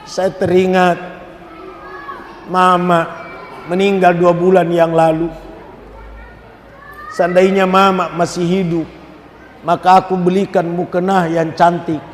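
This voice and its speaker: Indonesian guy preaching, high pitched, lively, chants some bits, big roomy echo. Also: a little hiss or hum. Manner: animated, switches between fast talk and slow melodic chanting. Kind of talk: lively mosque sermon with chanted recitation. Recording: echoey hall, long reverb.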